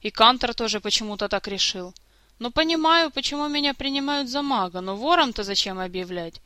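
A woman voicing a grumbling, sarcastic male jester and thief in an audiobook story, gruff and mocking. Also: extremely high pitch, lively intonation, fairly quick, pushed and bright, no echo, exaggerated voice.

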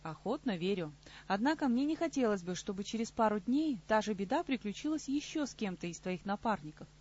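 A woman voicing a sardonic middle-aged king in an audiobook, dry and unhurried, on slightly muffled audio. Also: medium pitch, expressive, darkish tone, lightly acted. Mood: dry mocking. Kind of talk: audiobook character reading.

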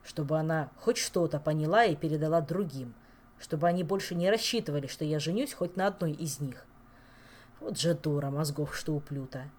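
A woman's voice: low-pitched, fairly quick, a little mellow. A woman voicing a weary, stern king who speaks curtly and grumbles. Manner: grumbling, curt.

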